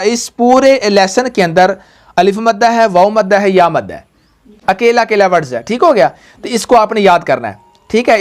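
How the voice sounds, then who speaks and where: A male Quran teacher leads a tajweed lesson, stretching each letter sound in a sing-song recitation. He often pauses to ask "all right?" and speaks to his viewers as he guides a young pupil through call-and-repeat drills. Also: sits high. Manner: keeps saying "all right" and addressing viewers.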